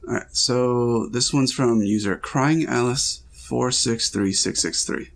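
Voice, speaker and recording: A man co-hosting a podcast, chatting casually about dreams with a relaxed, filler-heavy way of talking. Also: mid-range voice, slow, vocal fry. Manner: relaxed, talks with frequent fillers. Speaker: podcast co-host reading and interpreting dreams.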